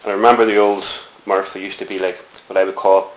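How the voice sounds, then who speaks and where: This middle-aged Northern Irish man, Belfast-accented, talks fast with a low-pitched, flat delivery. As an oral history interviewee, he rambles reflectively through childhood memories, using many fillers, in an echoey room with faint hiss.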